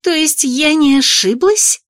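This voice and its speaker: A woman reading an audiobook voices a spirited young woman, speaking high and indignant with a mocking edge. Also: unhurried, darkish tone, no room sound, studio quality. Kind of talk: audiobook character voice.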